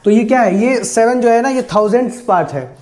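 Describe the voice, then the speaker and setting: High-voiced man teaching math. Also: lively intonation, brisk, darkish tone. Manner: asks questions and answers them himself, stresses each number; mixes English math terms into Hindi. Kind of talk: classroom math lesson.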